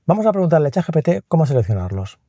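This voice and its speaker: With a fairly high, very animated, dark-toned voice, this Spanish-accented man from Spain hosts a tech review video, chatting with his assistant and explaining things quickly and plainly. The studio-quality audio has no room sound.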